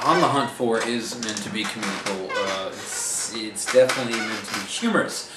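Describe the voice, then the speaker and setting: A man with a fairly low voice chats through a casual vlog about his film projects, rambling and self-correcting in a plain-spoken way. He sits back from the camera's own mic, so the sound is roomy and echoey. A steady hiss of noise runs under his voice. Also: far from the mic. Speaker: independent filmmaker.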